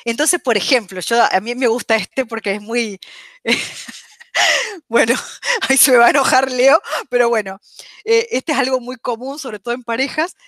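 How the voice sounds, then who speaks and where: A woman talks through psychology ideas for radio listeners. Her voice sits high and sounds bright and forward. She often stops to check in with her audience and fills her pauses with small hesitations. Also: lively intonation, dry recording, studio quality. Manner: checks in constantly with the audience, warm teaching tone; chatty, with frequent fillers and restarts. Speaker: psychology speaker on a radio show. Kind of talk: explanatory radio talk.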